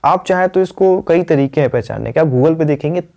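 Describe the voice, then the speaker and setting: A man teaching English pronunciation, explaining patiently, repeating words slowly and checking in with the viewers again and again. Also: fairly high pitch, creaky, dark tone. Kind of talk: explanatory lesson at a whiteboard.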